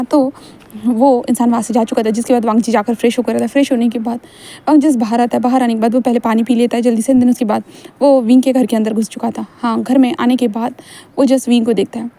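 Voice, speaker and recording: A woman's voice: fairly high pitch, little pitch movement, a little fast, dark tone. A woman narrating a fan fiction story in a loose, rambling way. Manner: rambling, with many fillers and restarts.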